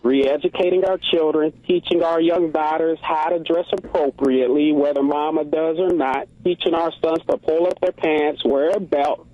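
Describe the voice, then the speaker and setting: A man's voice: a little high, fairly even intonation, normal speed, hardly any pauses, no echo, dull audio. A man from the Congo calling in to a radio show, talking earnestly in rhetorical questions. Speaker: caller. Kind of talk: call-in radio commentary. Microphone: phone call.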